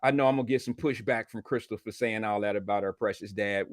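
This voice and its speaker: Wearing a retainer, a man hosts a casual live show, reading viewer comments and chatting in blunt, slangy, profane language. His voice is fairly low and he talks fast. The sound is clean studio audio with no echo.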